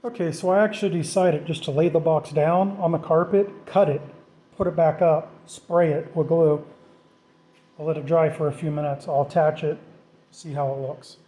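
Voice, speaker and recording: Warm in tone and a little high, this middle-aged man's voice keeps a fairly even intonation at a normal pace. As a DIY vlogger, he casually talks through a hands-on tutorial as he works, thinking out loud with self-deprecating humor.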